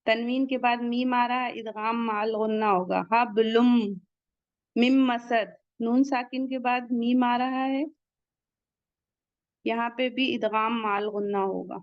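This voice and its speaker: Woman, recitation teacher, slow and deliberate, slightly high voice, dry muffled recording. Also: fairly even intonation, no echo. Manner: slow, deliberate, drawn-out recitation of each word. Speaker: Quran tajweed teacher. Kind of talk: tajweed lesson, recites then explains.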